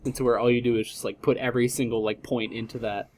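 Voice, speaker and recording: A man's voice: mid-range voice, level tone, quick pace, darkish tone. A man chatting casually as a guest, explaining things in a laid-back, slangy, rambling way. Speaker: podcast guest, tabletop role-player. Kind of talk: casual chat.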